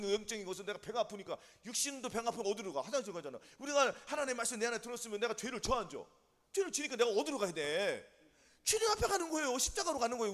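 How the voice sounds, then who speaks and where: A male pastor with a very high-pitched, slightly bright voice preaches in a church sanctuary, his voice carrying through a large hall. He drills the congregation with call-and-response questions.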